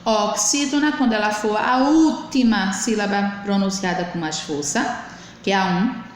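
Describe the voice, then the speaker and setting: Slow, patient teacher in an echoey room. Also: female voice, mid-range voice. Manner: slow, drawn-out syllable counting. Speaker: primary school teacher. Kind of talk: recorded remote lesson for children. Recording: echoey room with faint hiss.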